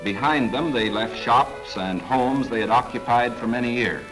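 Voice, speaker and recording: A man giving formal, measured 1940s government newsreel narration. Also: medium pitch, low-quality recording. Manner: formal, measured, authoritative delivery. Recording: narration over clear background music.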